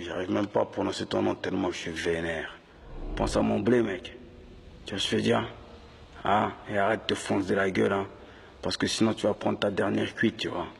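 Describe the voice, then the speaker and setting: An actor playing an angry hustler who leaves a slangy, veiled-threat voicemail for someone who owes him money. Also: male voice, lowish voice, gravelly, husky, long reverb tail, full character voice.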